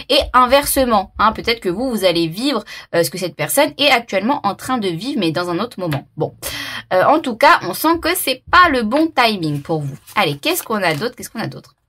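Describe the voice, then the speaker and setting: Woman tarot reader, casual to-camera talk, halting, full of fillers and self-laughs. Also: medium pitch, fairly bright tone. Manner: hesitant, many fillers and repeats; laughs at herself.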